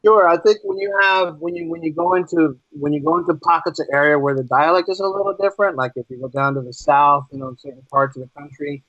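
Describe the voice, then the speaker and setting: This East Coast American, an English as a second language teacher, talks conversationally as a podcast guest, regularly checking in with rhetorical questions during a casual interview. His fairly high, slightly bright voice keeps a fairly even intonation and moves fast with few pauses, in a dry recording with dull audio.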